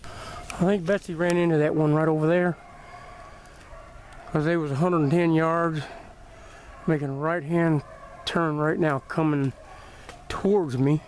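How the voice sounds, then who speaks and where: A man's voice: a little high, fairly even intonation, measured pace, long pauses, darkish tone. A man with a Southern US accent giving casual running commentary on a hunt while filming outdoors. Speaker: hunter filming a rabbit hunt. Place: outdoors in brushy woods. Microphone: handheld camera held by the speaker. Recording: outdoor handheld camera, faint noise.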